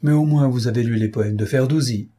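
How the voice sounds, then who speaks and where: A man's voice: medium pitch, brisk, dark tone, breathy edge, lightly acted. A man voicing a brusque, self-important older male philosopher who talks in an impatient, lecturing way.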